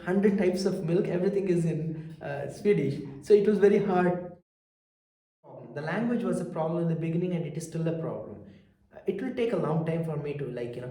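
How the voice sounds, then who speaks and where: A middle-aged man with a South Indian accent gives a personal account in an interview, speaking in a halting, reflective way and repeating phrases. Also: sits high, warm tone. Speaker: interviewee, immigrant entrepreneur. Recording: roomy, echoing sound.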